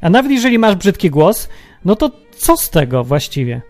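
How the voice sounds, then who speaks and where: A man with a notably high voice talks through a reflective religious monologue at his own pace. He muses aloud and keeps throwing rhetorical questions at the listener. Faint music plays in the background. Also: sing-song, normal speed, a little mellow. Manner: musing, many rhetorical questions. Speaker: podcast host.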